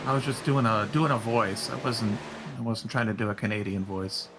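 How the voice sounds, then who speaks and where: A man's voice: lowish voice, steady tone, moderate pace, fairly bright tone, slight background noise. A man adding joking color commentary to an online truck race broadcast. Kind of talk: sim racing commentary.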